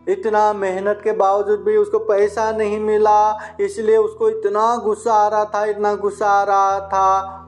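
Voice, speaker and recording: A man, a Buddhist monk, tells a moral story in an unhurried way, repeating phrases and dropping in little "haan" interjections. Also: high voice. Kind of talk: storytelling dharma talk. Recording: faint instrumental music behind. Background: soft instrumental music.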